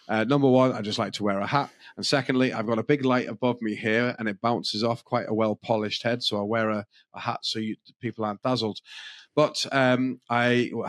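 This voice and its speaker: A man's voice: mid-range voice, no room sound. A man co-hosting a podcast, telling rambling, self-deprecating stories in casual chat. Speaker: podcast co-host. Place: indoor podcast studio, filmed.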